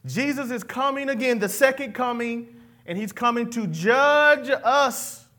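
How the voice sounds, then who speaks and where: A man preaches a sermon, pulling the congregation into call-and-response. His voice sits high and rings bright. He drops folksy asides between his lines. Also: measured pace. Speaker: pastor.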